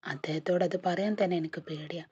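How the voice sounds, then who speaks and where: A woman voicing a timid young mother who speaks in a fearful, subdued, husky voice. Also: lowish voice, fairly even intonation, fairly quick, dark tone, slight background noise, lightly acted. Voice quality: husky, breathy. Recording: dull lo-fi recording.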